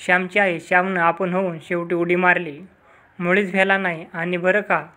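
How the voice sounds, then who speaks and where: A man's voice: sits high, flat delivery, normal speed, sharp tone. A man reading the lines of a friendly village boy reassuring his friend and reporting to the mother.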